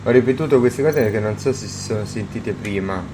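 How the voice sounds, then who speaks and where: A man's voice: lowish voice, quick pace. A man who streams games, giving casual, rambling commentary over the gameplay. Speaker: game streamer. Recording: loud background noise.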